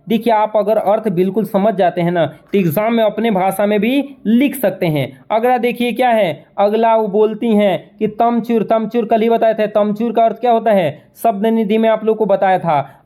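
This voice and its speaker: A man's voice: high-pitched, dark tone. A young man teaching a class, explaining verses to exam students, asking questions and answering them himself. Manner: repeats key lines in slow recitation.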